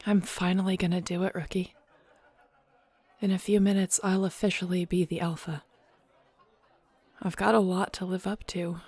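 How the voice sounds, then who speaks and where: In an intimate audio roleplay, a woman acts as a nervous, affectionate young female werewolf shifter about to become her clan's Alpha, teasing and tender. Her lowish voice is flat, a little mellow and husky, at a moderate pace with frequent pauses, over a faint crowd.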